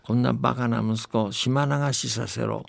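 A man's voice: mid-range voice, fairly even intonation, unhurried, dry recording. A man doing a blunt old grandfather. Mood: gruff. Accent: Akita dialect. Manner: rough rural speech.

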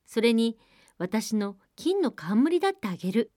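A woman's voice: a little high, big pitch swings, measured pace, warm tone, dry recording, studio quality. Storybook princess, young and spoiled, dismissive tone, read by a woman. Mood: haughty. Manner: haughty, dismissive, fretful. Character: spoiled young princess, haughty then flustered.

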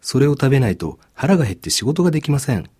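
A man's voice: mid-range voice, very animated, fast, dark tone, husky, pitched above the performer's own voice. Man doing a humble, pleading poor old man.

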